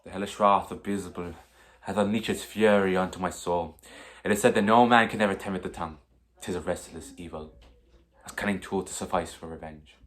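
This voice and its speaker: A man's voice: low voice, fairly even intonation, brisk, a bit bright. A man playing a brooding, vengeful young prince Hamlet with melodramatic, declamatory delivery in archaic English. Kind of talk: theatrical mock-Shakespearean monologue.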